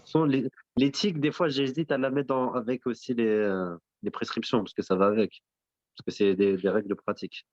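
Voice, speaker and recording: A man's voice: mid-range voice, steady tone, normal speed, a little mellow, no room sound. A male teacher leads a lesson by questioning his students and confirming their answers, sprinkling in Arabic religious terms. His voice sits in the middle range for a man. The recording is dry, with a dull, lo-fi tone. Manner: quizzes the class, repeats and affirms answers. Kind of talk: interactive classroom lesson.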